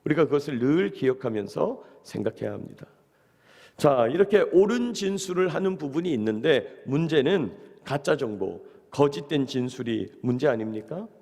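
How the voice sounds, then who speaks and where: Gravelly-voiced preacher in a reverberant church. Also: male voice, mid-range voice, lively intonation, normal speed, a little mellow. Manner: earnest preaching, repeatedly addressing the congregation. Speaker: pastor. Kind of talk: early-morning sermon. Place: church sanctuary.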